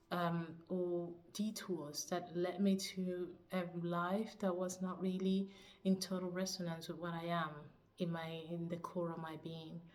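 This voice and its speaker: A woman from Cuba, a teacher and spiritual coach, introducing herself to camera in a soft, searching way, often laughing and pausing to find words. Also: fairly low pitch.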